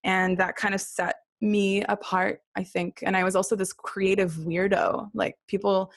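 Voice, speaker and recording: As a guest on a podcast, a singer-songwriter tells personal stories in a relaxed, candid way. Born in Australia and raised in Israel and Brisbane, she has a mid-range voice with a level tone and normal pace, captured in studio quality with no echo.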